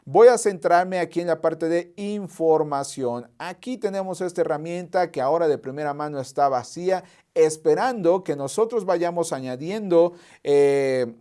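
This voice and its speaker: A man walking viewers through a software tutorial over a screen share, methodical, repeating key points and thinking aloud as he clicks. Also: a little high, moderate pace, hardly any pauses, clear, resonant tone. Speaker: software trainer.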